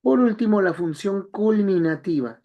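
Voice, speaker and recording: A man's voice: sits high, animated, normal speed, muffled recording. A man teaching an online language class, explaining step by step and repeating key phrases.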